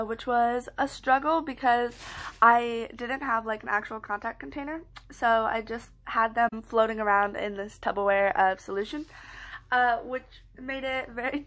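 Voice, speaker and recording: A woman's voice: a little high, a bit bright. Chatty young woman vlogging on her phone. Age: young adult. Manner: rambling, chatty, self-mocking. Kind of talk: casual vlog chat to camera. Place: small bedroom at home, indoors. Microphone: phone held at arm's length.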